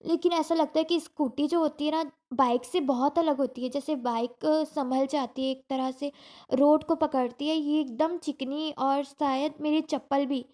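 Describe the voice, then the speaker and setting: High-voiced young woman, shaken and rambling. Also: steady tone, normal speed, mellow. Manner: rambling, shaken storytelling with many restarts. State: in pain after a fall. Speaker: vlogger. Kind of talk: casual personal vlog.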